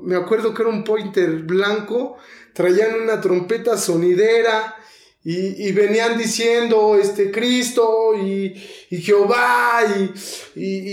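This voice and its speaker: With a high voice in a roomy space, a man in his thirties tells the story of his recovery as a guest. He speaks Mexico City Spanish, uses plenty of slang, stays intense and emotional, and voices the people in his scenes.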